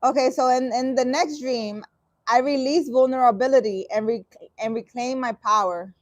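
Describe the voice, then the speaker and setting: With no echo on the recording, this spiritual vlogger reads a dream interpretation at a moderate pace in a high-pitched voice. Sarcasm and exasperation interrupt her reading, and she swears casually and restarts sentences a lot.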